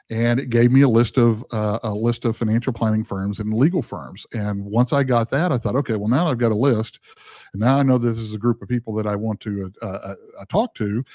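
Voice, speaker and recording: Man presenting a webinar, quick and full of ums and restarts, dry sound. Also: mid-range voice, darkish tone, dry recording. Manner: fast talking, frequent fillers and restarts. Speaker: guest speaker.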